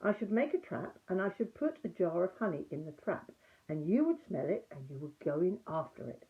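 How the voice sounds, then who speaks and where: Through phone-like, narrow sound speaks a small, eager piglet from a children's storybook, acted by a woman. He is a questioning, helpful companion whose pitch jumps about in a lively way. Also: fairly quick. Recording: muffled, narrow phone-like audio.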